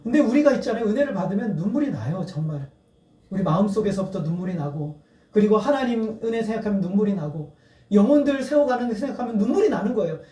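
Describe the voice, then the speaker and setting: In a church sanctuary, a male pastor preaches with earnest intensity, rising to emphatic appeals and sometimes laughing. His voice is high-pitched and dark in tone, and he talks fast and animatedly. The hall is echoey and the microphone sits far away.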